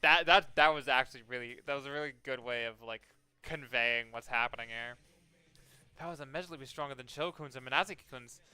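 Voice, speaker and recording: A man's voice: medium pitch, fairly quick, sharp tone, clean tone, no room sound, soft background music. A sardonic, sweary man giving casual game commentary and reading the game's text aloud. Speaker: let's play host.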